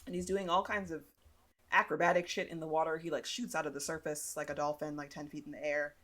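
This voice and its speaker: A woman's voice: low voice, level tone, quick pace, a bit bright. A young woman co-hosting a podcast, casually recapping a movie, laughing often and acting out quotes. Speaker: podcast co-host. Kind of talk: casual chat recapping a film.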